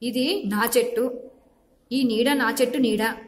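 Storybook miser: a woman plays a bossy old village man, scolding loudly in a raised voice. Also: on the high side, takes it slowly. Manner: shouting, scolding.

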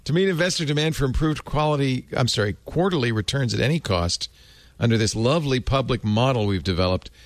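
A man's voice: medium pitch, brisk, dry recording. A man hosting a casual panel podcast, reading an article aloud with jokes and asides. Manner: animated, joking, mock-pompous reading voice. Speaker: podcast host.

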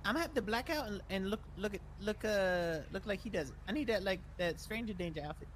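A woman's voice: medium pitch, expressive, fast, a little hiss or hum. A woman chatting in a role-play game, hesitant and rambling with many fillers. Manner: hesitant, rambling, lots of uhs. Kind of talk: casual in-game banter.

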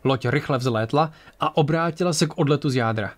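A man narrating an amateur audiobook in a plain reading voice with occasional restarts. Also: a little high.

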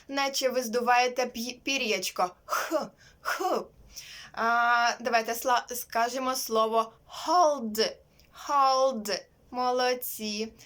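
A young woman teaching English to young children, modelling each sound clearly, asking them to repeat and praising them warmly. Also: on the high side. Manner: warm praise and diminutives for children. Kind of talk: online primary-school lesson.

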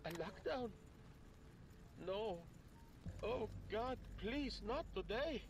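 An actor playing a frightened blind older male tenant in a game, stammering and nervous, with a gravelly voice. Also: sits high, expressive, extremely slow, background noise, full character voice.

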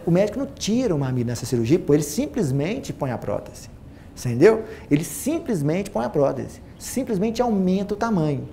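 A man in his forties with a Minas Gerais accent, a plastic surgeon giving an animated seminar talk to a large audience on a lapel mic, repeating phrases for emphasis. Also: high-pitched, brisk, creaky, a little hiss or hum. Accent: Brazilian Portuguese, Minas Gerais. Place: auditorium stage with a large audience.

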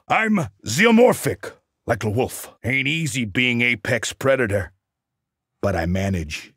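Hunter, a husky, cocky mercenary tracker. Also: male voice, mid-range voice, a bit bright, no room sound, studio quality, heavily acted. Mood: sardonic taunting. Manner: wry, sardonic, punning. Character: cocky Alaskan big-game hunter mercenary, wry predator. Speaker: video game character. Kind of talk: video game combat barks and taunts.

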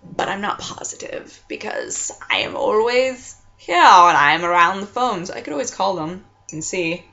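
A woman in her twenties talks to her webcam in a casual, chatty vlog style. Her delivery is playful and rambling, with a mid-range pitch. The sound is slightly dull and lo-fi, as picked up by a computer mic in a room at home. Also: expressive, moderate pace, creaky, pushed and bright. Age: 20s. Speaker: vlog host. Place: small furnished room at home, indoors. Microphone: computer webcam mic at arm's length.

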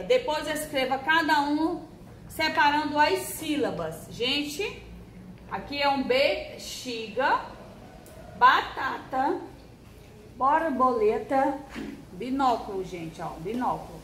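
A woman teaching a first-grade handwriting lesson with a Brazilian Portuguese accent, drilling syllables in a slow, sing-song way and stretching out words. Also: high-pitched, a bit bright. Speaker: primary school teacher. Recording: echoey room with faint hiss.

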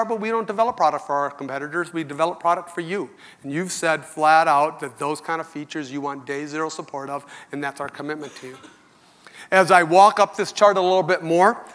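A man's voice: high voice, a bit bright. A middle-aged man on a large conference stage giving a keynote speech to customers, in an earnest, conversational and candid manner, speaking into a headset mic. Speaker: company executive giving keynote.

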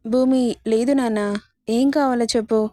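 A motherly middle-aged aunt who fusses over her nephew and scolds him firmly, as a woman storyteller voices her. The tone is mellow and a little high, recorded dry and close. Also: fairly even intonation, unhurried, no room sound, natural voice. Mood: caring.

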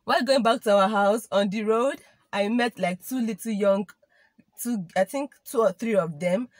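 A woman's voice: medium pitch, moderate pace, no room sound. A young woman with a Nigerian English accent talks straight to her viewers in a loose, chatty storytelling voice. She mixes Igbo and Pidgin phrases into her English. The sound is dry and close, with no room around her. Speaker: vlogger. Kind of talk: casual storytime monologue.

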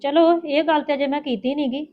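Outspoken, indignant elder sister with a Punjabi accent, played by a woman. Very quick delivery, lo-fi thin sound with faint music. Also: sits high, fairly even intonation, lightly acted. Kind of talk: village family drama acting. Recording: tinny phone-like lo-fi with music.

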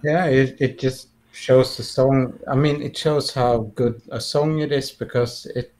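A man co-hosting a music reaction chat, speaking in a relaxed, unhurried way. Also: mid-range voice. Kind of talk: casual chat.

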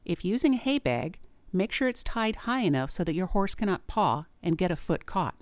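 Woman narrator, vet, lowish voice, calm and measured, dry close voice-over. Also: no echo. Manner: calm, measured, clear advice. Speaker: veterinarian narrator. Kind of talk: scripted instructional narration.

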